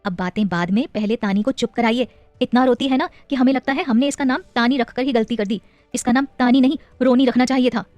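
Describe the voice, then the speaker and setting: A woman's voice: fairly high pitch, brisk, darkish tone, no echo, soft background music, natural voice. A woman voicing a firm but loving young wife and mother in an audio story, with a teasing, affectionate scolding manner.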